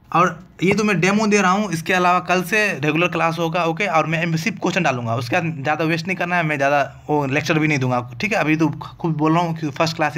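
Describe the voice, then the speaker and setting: A man's voice: on the high side, a bit bright. A man teaching an online exam-prep lesson in a casual, chatty way, often checking whether his students follow. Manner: talkative, keeps asking "clear?".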